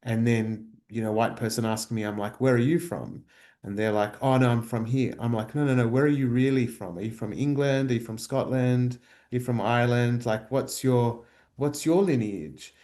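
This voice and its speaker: This Australian researcher speaks at a moderate pace in a mellow, medium-pitched voice. Reflecting aloud in a workshop, he is searching and thoughtful, his speech full of fillers and restarts.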